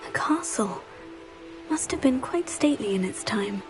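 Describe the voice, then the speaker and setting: A woman's voice: fairly high pitch, normal speed, lightly acted. A woman voicing a young student adventurer who muses politely and curiously to herself in a video game, over music. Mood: composed, curious. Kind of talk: video game character remarks.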